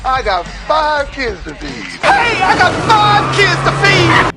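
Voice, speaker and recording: A man playing an excitable, pleading cab driver in an action film. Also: extremely high pitch, slow, full character voice. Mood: loud pleading. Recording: film soundtrack with music and crowd.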